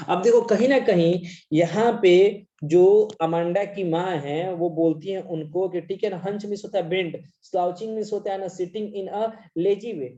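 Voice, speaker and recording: An online English teacher in a live class, explaining and constantly checking that students follow, reading English lines slowly. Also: mid-range voice, dark tone, dull audio. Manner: mixes Hindi and English, constantly checks understanding.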